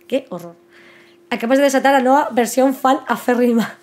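A young woman hosts a casual live stream in a slightly high voice. She talks excitedly and restarts her sentences often, repeating words as her thoughts race ahead. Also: a little fast. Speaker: host of a live book news stream.

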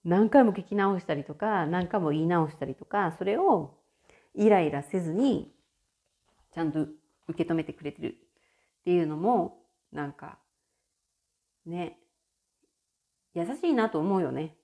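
A woman's voice: on the low side, unhurried, pauses often. A woman hosting a casual solo audio chat, chatty and often laughing. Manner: chatty, frequent laughter, animated shifts in tone. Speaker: podcast host.

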